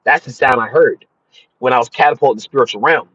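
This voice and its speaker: A man's voice: mid-range voice, fast, highs cut off, heavy background noise. A man giving an earnest, preachy spiritual talk on his own channel, often restarting his sentences. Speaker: channel host. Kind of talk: informal spiritual teaching monologue.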